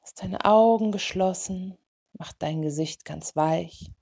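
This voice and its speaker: A woman leading a guided meditation in a soothing, gentle way, in short unhurried phrases. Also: fairly low pitch, creaky, husky. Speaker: meditation guide for dog owners.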